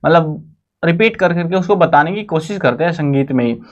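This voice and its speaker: A young adult man teaching a Hindi poem to students, reading each verse slowly and then explaining it in chatty, everyday speech mixed with English words. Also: fairly high pitch, lively intonation, highs cut off.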